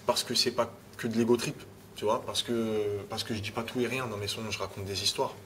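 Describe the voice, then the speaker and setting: Low-voiced French-speaking rapper, casual. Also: male voice, fairly even intonation, a little fast, a bit bright, slight background noise. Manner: repeats words, restarts phrases, adds "tu vois". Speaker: rapper being interviewed. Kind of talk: casual interview talk.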